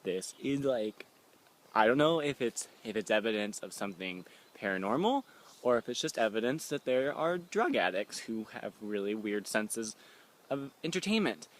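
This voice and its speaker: A young man filming himself in the woods, rambling nervously with uneasy laughs and swinging between hushed muttering and loud exclaiming. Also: on the low side, very animated, moderate pace. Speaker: amateur paranormal vlogger. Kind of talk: handheld found-footage vlog. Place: woods outdoors.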